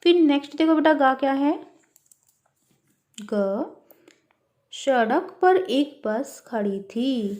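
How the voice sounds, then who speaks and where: A woman's voice: high voice, lively intonation, slow pace, long pauses, a little mellow. A woman teaching a worksheet lesson to young children, spelling words out syllable by syllable and calling her listeners beta. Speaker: primary school teacher.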